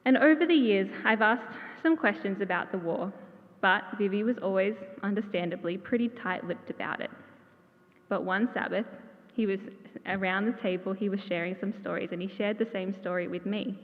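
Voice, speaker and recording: A woman giving a memorial tribute in a church, telling warm stories with gentle humor. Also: medium pitch, normal speed. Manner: heartfelt, gently humorous storytelling. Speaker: eulogy speaker. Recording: tinny, echoey church hall.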